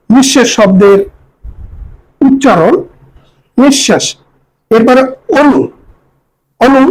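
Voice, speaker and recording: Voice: mid-range voice, a little mellow, low-quality recording. A teacher giving a recorded grammar lesson, patiently repeating each word and spelling it out letter by letter.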